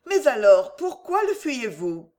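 A proud, jealous British gentleman speaks with a haughty, exasperated edge, as a woman reader puts him on. The voice moves with lively rises and falls, read as an audiobook part. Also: a little high, slow, pitched above the performer's own voice. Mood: pleading. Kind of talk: audiobook character reading.

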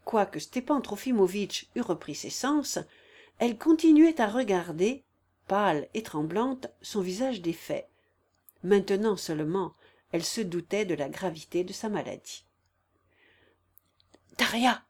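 A woman reading a classic novel aloud as an audiobook narrator, in a measured storytelling manner. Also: mid-range voice, lively intonation, a little mellow. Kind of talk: scripted literary narration.

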